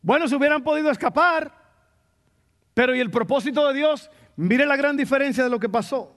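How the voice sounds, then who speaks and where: A man's voice: very high-pitched, a little fast, fairly bright tone. A male pastor preaching a sermon in a teaching tone, repeating his key phrases for emphasis.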